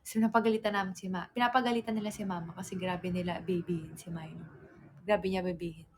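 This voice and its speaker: A woman's voice: fairly low pitch, fairly even intonation, quick pace, a little mellow, a little hiss or hum, low-quality recording. A woman, chatting on a livestream, rambling through a story with many fillers and self-corrections and reading out viewer comments. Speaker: livestream host.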